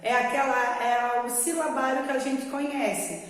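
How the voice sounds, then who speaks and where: A Brazilian woman teacher with a fairly high voice talks young pupils through a lesson at a slow, careful pace. Her explaining is patient, and she keeps checking that the children follow. The recording is very echoey, with a long reverb trailing each phrase. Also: steady tone. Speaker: primary school teacher.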